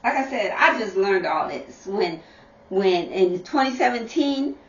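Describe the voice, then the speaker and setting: Middle-aged woman vlogger, unhurried chatty delivery, roomy dull sound from a distant camera. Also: mid-range voice, expressive. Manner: slow, repetitive, chatty, addresses viewers as y'all. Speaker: vlogger, mother. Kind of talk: casual direct-to-camera talk.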